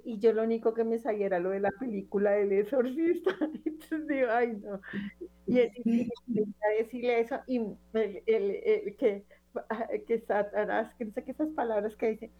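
A woman's voice: mid-range voice, dark tone, dull audio. A woman preaching and telling a testimony in an earnest storytelling manner, acting out the people she quotes. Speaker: lay preacher.

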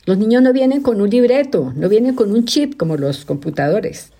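A woman host, speaking in an earnest, measured way as she introduces a topic. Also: mid-range voice, sing-song, warm tone. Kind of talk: casual presenter talk.

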